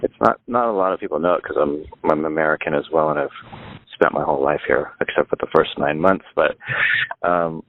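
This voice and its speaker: A low-voiced man in his fifties talks over a thin, phone-like line. He is from Northern California and chats loosely as a guest, circling back, restarting and dropping "like" as he goes. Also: brisk. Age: 50s. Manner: rambling, lots of "like" and restarts. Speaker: guest musician. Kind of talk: casual phone interview.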